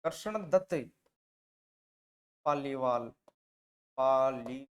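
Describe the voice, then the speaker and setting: Guy teaching exam stuff, keeps asking and answering his own questions, gets loud then quiet. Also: medium pitch, extremely slow, highs cut off. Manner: drills mnemonics with repeated questions and answers, shifting loudness. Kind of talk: classroom-style exam coaching lesson.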